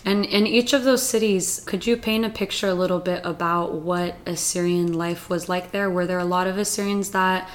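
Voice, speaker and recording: A woman's voice: on the low side, fairly even intonation, normal speed, few pauses. Upbeat podcast host woman. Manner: upbeat promotional read, then gently probing questions. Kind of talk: podcast intro and interview.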